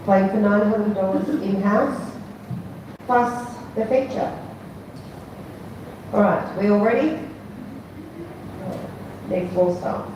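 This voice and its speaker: A woman's voice: medium pitch, takes it slowly, long pauses, dull audio. Echoey woman bingo caller. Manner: formulaic chant, digit by digit then number. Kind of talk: bingo calling, announcing numbers. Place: large echoey bingo venue. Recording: echoey hall, distant mic, faint noise.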